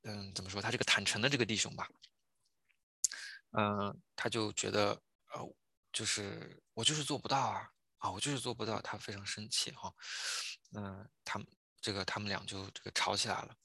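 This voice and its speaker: A man preaching a sermon in an earnest way, often pausing on filler sounds and repeating phrases as he tells a testimony. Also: on the low side, steady tone, creaky, bright, forceful tone, slightly rough, no room sound. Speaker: pastor.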